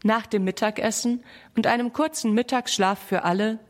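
A woman narrating a children's story in an even storytelling voice. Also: on the high side, moderate pace.

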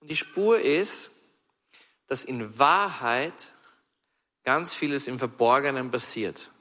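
A man preaching a sermon, telling stories in a chatty, lively way with frequent restarts and asides. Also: mid-range voice, slow. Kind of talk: storytelling sermon. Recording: long hall reverb.

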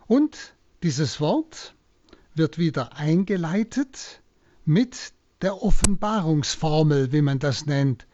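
A man, a priest, slowly and deliberately explaining a Bible passage on a radio broadcast. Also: fairly high pitch, dark tone, no room sound, lo-fi sound. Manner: slow, deliberate teaching. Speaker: priest giving a Bible talk.

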